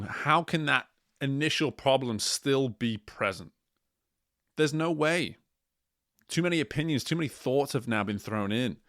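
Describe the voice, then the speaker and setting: A man speaking as a coach and host in a motivational monologue, deliberate and emphatic, repeating key phrases. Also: mid-range voice, a bit bright, dry recording, clean studio sound.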